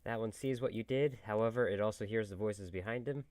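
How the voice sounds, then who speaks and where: A man running a tabletop game as game master, giving even, matter-of-fact rulings. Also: lowish voice, brisk, no echo.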